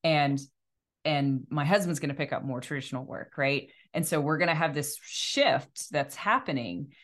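A woman's voice: low voice, normal speed. A woman talking casually and reflectively, rephrasing her thoughts informally as she goes. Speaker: life coach and energy healer. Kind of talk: casual conversational discussion.

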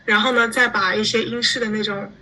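A teenage girl from China, chatting as a guest in an interview, animated and quick to laugh. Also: a little high, rough recording. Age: teens. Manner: chatty, animated, laughs often while explaining. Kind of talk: casual interview chat.

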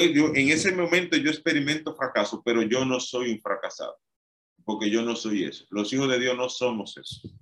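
A man's voice: mid-range voice, fairly bright tone. A man preaching an emphatic, repetitive sermon. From Dominican Republic.

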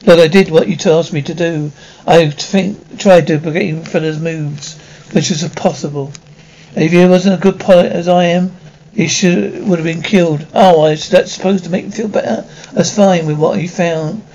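A man reads out the roles of a period military drama in a high-pitched voice. The delivery stumbles, restarting and repeating words as it moves between pilots and others. The sound is dull and lo-fi. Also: steady tone, normal speed, darkish tone. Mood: argumentative.

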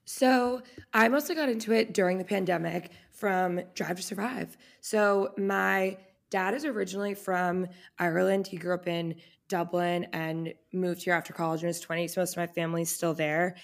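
This Boston woman in her twenties co-hosts a podcast, chatting casually in an upbeat way and saying "like" often. Her voice sits on the low side with a steady tone and vocal fry, moving at a normal speed with few pauses.

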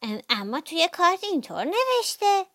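Lady doing a tiny squeaky storybook mouse, bright and eager, high voice bouncing around. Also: very animated, dry recording, studio quality, full character voice. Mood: innocent. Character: small cheerful gray mouse, bright-eyed.

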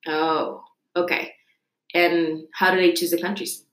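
A woman's voice: lowish voice, level tone, a little slow, a bit bright. A young woman from Rica, hosting a casual interview and asking chatty, curious questions. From Costa Rica. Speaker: host. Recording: echoey room.

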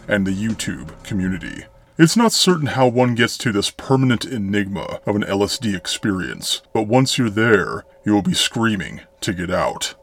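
A man narrating eerie horror tales as a show host, in a grandiose, florid, theatrical storyteller manner. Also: fairly low pitch. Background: music.

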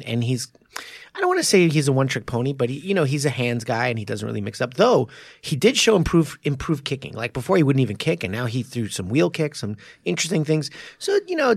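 Podcast co-host, male, mid pitch with a gravelly edge; keen, chatty breakdowns of technique. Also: no echo, clean studio sound. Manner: enthusiastic, explaining fight technique. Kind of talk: casual podcast chat. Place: studio.

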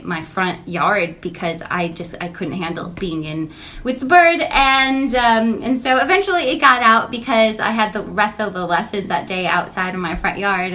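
A woman in her thirties, a music teacher, chatting casually and telling animated stories about her lessons. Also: a little hiss or hum. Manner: animated storytelling, acts out quotes in a high voice.

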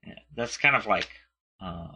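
A man's voice: fairly low pitch, animated, normal speed, pushed and bright, husky. A man chatting casually, rambling and hesitant, often searching for words. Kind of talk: casual chat.

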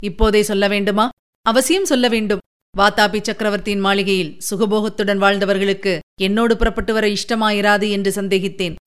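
Woman reading a sarcastic young prince, stern, reproachful, smooth clear voice, audiobook. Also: mid-range voice, steady tone, fairly quick, close to an everyday voice. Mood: cutting. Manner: cutting, reproachful.

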